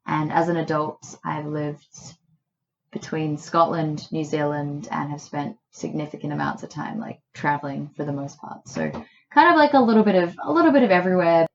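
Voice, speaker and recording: A woman from Australia, a poet, speaking thoughtfully in a quiet bedroom and reading her poems. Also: low voice, fairly even intonation, normal speed, lo-fi sound, a little hiss or hum. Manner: thoughtful, musing. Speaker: poet guest. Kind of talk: reflective conversation and poetry reading.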